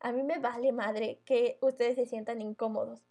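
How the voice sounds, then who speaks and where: A woman's voice: fairly high pitch, fairly even intonation, normal speed, mellow. A young woman with a Mexican Spanish accent chatting casually on a podcast, blunt and full of slang and swearing. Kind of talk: casual chat.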